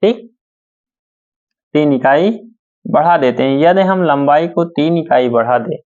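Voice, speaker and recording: Slow-paced male math teacher. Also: a little high, darkish tone. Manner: slow, repeats steps and asks questions back to students. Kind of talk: board-work math lesson. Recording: dull lo-fi sound.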